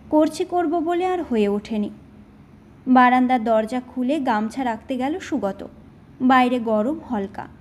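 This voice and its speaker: A woman storyteller narrating a short story for an audiobook in a steady, measured reading. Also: high-pitched.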